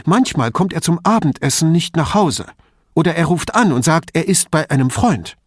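Male reader doing a tense, prickly woman professor, pitched up high, husky edge, audiobook. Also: lively intonation, no echo, studio quality. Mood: sharp. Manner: tense and quick to bristle. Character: middle-aged woman professor, worried, defensive mother.

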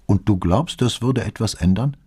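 A man voicing a calm middle-aged police detective who speaks in a measured, dryly understated way in an audiobook. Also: lowish voice, breathy edge, voice pushed up.

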